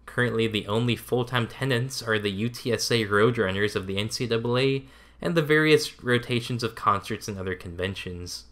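A man reading scripted documentary narration in an even, measured way. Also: medium pitch.

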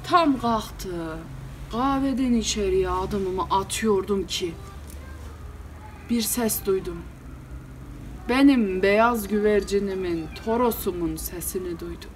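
A woman playing an exasperated, hot-tempered male village headman in a solo storytelling performance, with an animated delivery. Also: mid-range voice, slow pace, a little hiss or hum, lightly acted.

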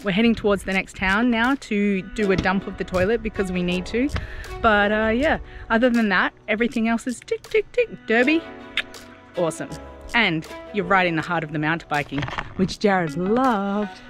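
A woman's voice: mid-range voice, normal speed. A woman in her thirties with an Australian accent, chatting upbeat through a travel vlog, filmed outdoors on a handheld camera. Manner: upbeat and chatty, tour-guide style. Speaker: travel vlogger. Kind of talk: casual travel vlog narration. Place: outdoors at campsites and in a camper van. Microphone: handheld action camera at arm's length. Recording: background music throughout.

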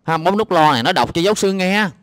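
A man's voice: high-pitched, lively intonation, quick pace, a bit bright, no echo, studio quality. A man with a Southern Vietnamese accent giving exasperated, mocking reaction commentary on a clip, with lots of hesitant filler sounds. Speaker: video commentator.

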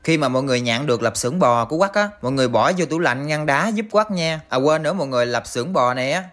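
A man's voice: mid-range voice, lively intonation, rapid-fire, a bit bright. A young man with a Mekong Delta accent, chatting casually and playfully to viewers while he cooks. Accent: Mekong Delta Vietnamese. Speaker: cooking vlogger. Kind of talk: casual cooking chat to viewers.

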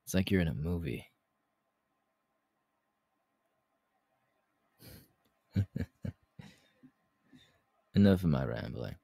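Very deep, gravelly Hawks, romantic ASMR man acting. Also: animated, dark tone, dry recording, full character voice. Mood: relaxed, playful. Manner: intimate, halting, breathy laughs and sighs. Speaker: voice actor, ASMR artist. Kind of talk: romantic ASMR audio roleplay.

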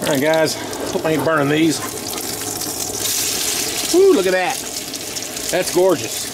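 Here a middle-aged outdoorsman who vlogs about camping talks, unhurried and fairly high-pitched, through each stage of a meal on his camp stove. His manner is relaxed and folksy. The camera mic records him outside with noticeable ambient noise.

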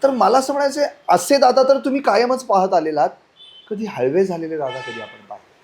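A man's voice: high-pitched, brisk, darkish tone, a little hiss or hum. A man interviewing a guest, offering brief affirmations and summarizing her points before asking his next question.

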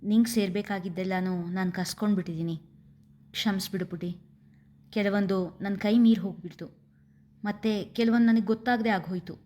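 A woman voicing a gentle older sister who speaks softly and sorrowfully. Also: mid-range voice, steady tone, fairly quick, natural voice. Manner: soft, sorrowful.

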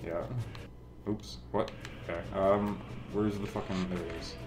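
A man's voice: low-pitched, fairly even intonation, unhurried. A young man hosting a game let's play, chatting casually and swearing a lot. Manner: laid-back, swears a lot. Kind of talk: casual gameplay commentary. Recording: roomy, loud game music behind. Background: game music.

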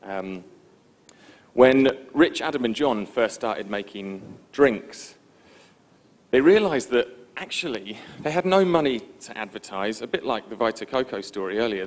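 A man giving a conference presentation in a relaxed, informal, self-deprecating way, with frequent ums. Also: on the low side. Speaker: conference speaker. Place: conference stage before an audience.

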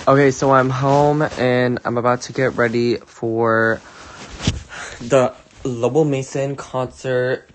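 A man's voice: mid-range voice, little pitch movement, slow. A young man chatting casually into his phone for a vlog, full of "like" fillers and swearing when annoyed. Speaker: vlogger. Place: home and in a car. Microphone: handheld phone. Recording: noisy phone recording.

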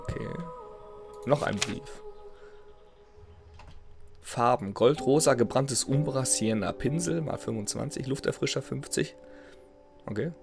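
Unhurried and given to long pauses, a man in his thirties talks in a medium pitch, slightly nasal because he has a cold. He's a let's play host casually commenting as he plays and reads the game's letters aloud from his home gaming room, with clear game music behind him.

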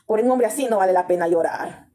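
A woman's voice: medium pitch, quick pace, mellow. A woman with a Salvadoran accent ranting bluntly and with lots of swearing in a livestream gossip commentary, talking straight to her viewers. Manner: addresses viewers directly with tag questions. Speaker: TikTok livestreamer.

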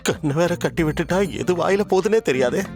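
A man's voice: high voice, lively intonation, quick pace. A jovial good-natured king. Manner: hesitant, stammering when unsure. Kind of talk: dubbed TV drama. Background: background music.

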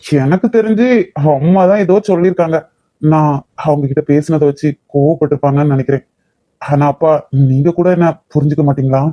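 A man's voice: fairly high pitch, fairly quick, warm tone, no echo, lightly acted. A young man voicing a playful, teasing husband in a cartoon. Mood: pleading. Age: young adult. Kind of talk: cartoon voice acting.

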